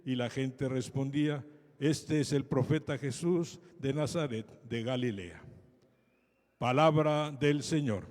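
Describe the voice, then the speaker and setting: A man's voice: medium pitch, slow pace, a little mellow. A man giving a solemn liturgical scripture reading as a priest, his voice carrying through cathedral echo. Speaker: priest proclaiming the Gospel at a Palm Sunday Mass. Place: large cathedral. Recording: cathedral echo, long hall reverb.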